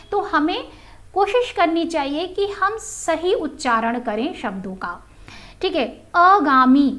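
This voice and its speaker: A woman's voice: high voice, fairly bright tone. A woman Hindi teacher giving a recorded grammar lesson to students. She talks patiently, often checks in with the class, and says example words aloud with stress. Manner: patient, repeats "ठीक है" often and addresses students as "बच्चों".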